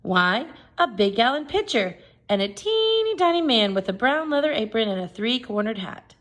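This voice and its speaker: A woman reading a children's storybook aloud in expressive narration. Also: a little high, moderate pace. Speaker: storybook reader.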